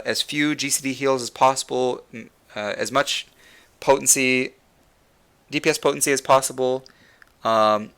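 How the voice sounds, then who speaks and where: A man's voice: medium pitch, fairly bright tone, clean tone. A man hosting a casual gaming discussion, rambling with many fillers and restarts, saying he is losing his voice. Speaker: podcast host.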